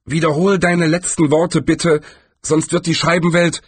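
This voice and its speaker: A man's voice: a little high, little pitch movement, a little slow, slightly rough, no room sound, pitched above the performer's own voice. A man voicing a pompous male wizard who commands Death and turns flustered. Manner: commanding, then hasty and huffy.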